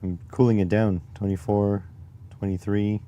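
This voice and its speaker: Raspy guy mumbling thru a stream while he tinkers, kinda dark mellow voice. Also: fairly low pitch, little pitch movement, normal speed. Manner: muttering to himself while working, reading chat aloud. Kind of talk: casual live-stream electronics tinkering.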